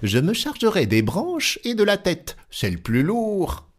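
A man voicing a boastful, cheeky little tailor in a storybook reading, with bragging, excitable exclamations. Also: high-pitched, a little slow, voice pushed up, heavily acted. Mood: cocky.

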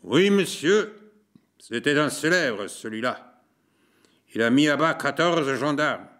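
A man voicing a tired, sickly Corsican man who speaks in a slow monotone in a storybook reading. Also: fairly high pitch, voice pushed up. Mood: proud. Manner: slow monotone, dragging words. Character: weary Corsican man, consumptive, placid.

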